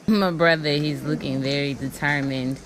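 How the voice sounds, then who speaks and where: A woman's voice: deep voice, fairly even intonation, normal speed, noisy background. A woman narrating her own food challenge video in a laid-back, chuckling way. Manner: laid-back, chuckling, talks with mouth full. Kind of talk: casual voice-over commentary.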